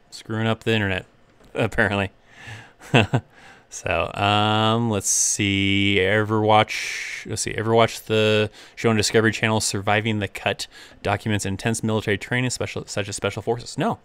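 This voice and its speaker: A man's voice: fairly low pitch, fairly bright tone, smooth, no echo. A young man hosting a casual live-stream Q&A, reading viewer questions aloud and rambling through answers with easy laughs.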